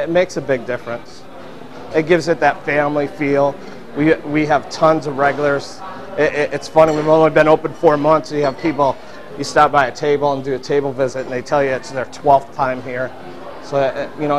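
A middle-aged man, a restaurant owner, answering interview questions with many fillers and restarts, seated in a busy dining room. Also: a little high. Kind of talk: on-camera interview. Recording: restaurant crowd noise behind. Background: diners chattering.

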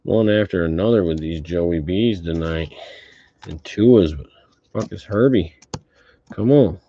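Male card-break host, low and mellow, laid-back and sweary, speaking through a face mask; muffled, slightly noisy recording. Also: a little slow. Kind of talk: casual running commentary on card openings. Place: indoor tabletop card-opening setup. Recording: dull, muffled audio with background noise.

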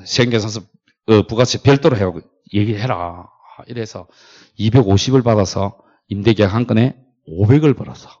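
A middle-aged man lecturing on factory brokerage, telling stories and acting out quoted lines. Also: mid-range voice. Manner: animated storytelling, acts out quoted dialogue. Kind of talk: classroom lecture with anecdotes. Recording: dull lo-fi lecture recording.

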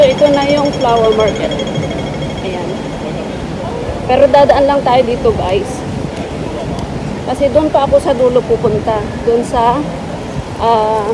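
Woman, vlogger, casual walking-tour talk, fairly high voice, loud street traffic behind, phone camera. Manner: chatty, keeps addressing viewers as guys. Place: busy city street and outdoor market. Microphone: handheld phone camera while walking. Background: traffic and city street sounds.

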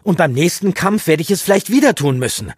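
Man doing a headstrong young guy, high insistent voice, pushing hard, lively, audiobook. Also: a little fast, husky, dry recording, studio quality. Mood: agitated. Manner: pleading, insistent, raised pitch. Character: headstrong young male farm boy, impatient. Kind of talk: audiobook character reading.

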